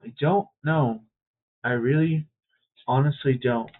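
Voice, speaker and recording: A man's voice: medium pitch, takes it slowly. A man streaming and commentating a wrestling video game in a casual, hesitant way, his voice coming through a tinny, tin-can-sounding mic. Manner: hesitant and musing, with many fillers. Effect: tinny, tin-can-like phone sound.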